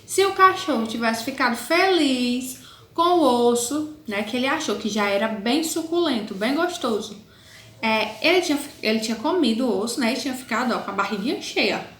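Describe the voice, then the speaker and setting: In a recorded online class, a woman primary school teacher with a Brazilian Portuguese accent slowly and patiently takes young pupils through a lesson, addressing them as "my loves." Her voice sits on the high side, with lively intonation and a fairly bright tone. There's an echo and faint background noise.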